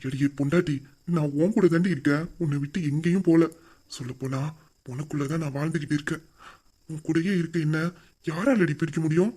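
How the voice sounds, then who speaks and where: A young man voicing a loving husband who gently consoles his crying wife in an audio drama. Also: fairly high pitch, a little fast, husky. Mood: tender. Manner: tender, soothing, affectionate. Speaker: husband Veera. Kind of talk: emotional audio drama acting.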